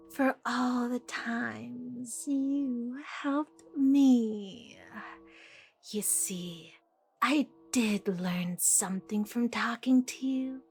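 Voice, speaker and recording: The Joker, a slow, taunting villainess. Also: female voice, a little high, gravelly, a bit bright, slightly rough, heavily acted. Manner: taunting, theatrical, slipping between whispers and outbursts. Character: deranged female Joker, playful, menacing asylum villain. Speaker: voice actor in an audio roleplay. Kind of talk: ASMR audio roleplay acting.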